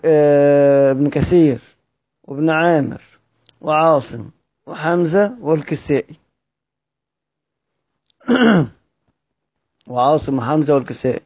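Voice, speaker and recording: A man's voice: on the high side, warm tone, no room sound. A man with an Egyptian accent teaching a lesson on Quranic readings, who asks his listeners questions, repeats them, and then answers them himself. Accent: Egyptian Arabic. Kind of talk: explanatory lesson.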